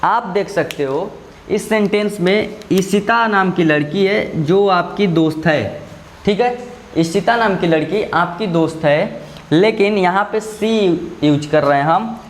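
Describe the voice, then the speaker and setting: A male schoolteacher talks through a grammar lesson at an unhurried, deliberate pace. His voice sits a little high for a man. He breaks each point into small steps and keeps checking that the class is following. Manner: slow, explains step by step, often checks with "okay?". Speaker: school teacher.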